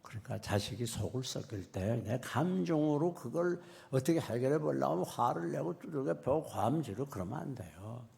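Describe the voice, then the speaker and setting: A man's voice: medium pitch, lively intonation, normal speed, creaky, few pauses, warm tone. A male pastor preaching a sermon in a conversational style full of rhetorical questions.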